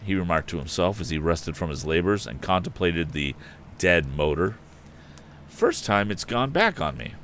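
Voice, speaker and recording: Hosting an indoor storytelling live stream, a man reads a book expressively and chats casually between passages. His voice is low-pitched, with slight background noise.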